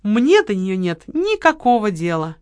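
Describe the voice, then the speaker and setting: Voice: medium pitch, huge pitch swings, measured pace, clean tone, no echo, clean studio sound. A narrator voicing a haughty, irritable woman who answers with indignant scorn in an audiobook. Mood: dismissive. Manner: indignant, sneering. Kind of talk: audiobook character voice.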